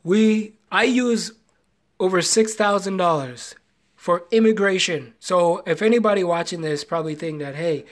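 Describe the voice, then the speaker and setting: A man's voice: high voice, moderate pace. A young man with a Jamaican accent, casually telling a rambling personal story on a live video and retelling past conversations. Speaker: vlogger.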